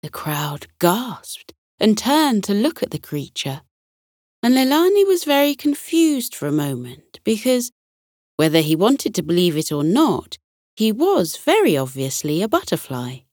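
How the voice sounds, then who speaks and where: A woman narrating a bedtime story for children in a soothing, gentle way. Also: medium pitch, very animated, measured pace, no echo, studio quality.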